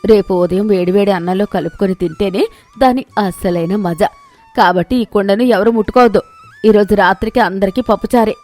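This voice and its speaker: A woman's voice: medium pitch, brisk, a little mellow, soft background music, natural voice. A woman voicing a firm middle-aged mother-in-law who lays down the house rules. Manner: firm, bossy.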